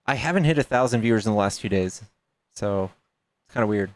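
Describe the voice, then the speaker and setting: With a lowish, expressive voice and a slightly quick delivery, this man in his thirties chats with his livestream viewers, joking and reading donations aloud. There's no echo on the recording.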